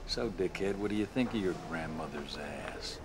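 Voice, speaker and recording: An actor playing a crooked, scheming old small-town lawyer who talks in a smooth, folksy, often hushed and whispery way. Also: male voice, low-pitched, animated, moderate pace, background noise. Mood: taunting. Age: older.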